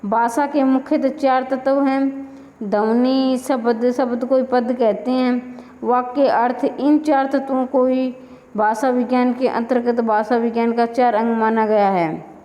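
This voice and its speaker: Female grammar teacher, fairly high voice, drills exam questions in a reverberant room. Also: fairly even intonation, measured pace, dull audio. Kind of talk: exam-prep lecture.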